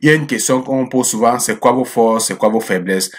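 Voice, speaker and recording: A man's voice: mid-range voice, fairly quick, breathy edge. A man walking viewers through a job application site in a chatty screen-share tutorial, often repeating himself and checking in with them. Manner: chatty, repeats words, calls viewers friends; checks in with frequent "ok?". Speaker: immigration advice YouTuber.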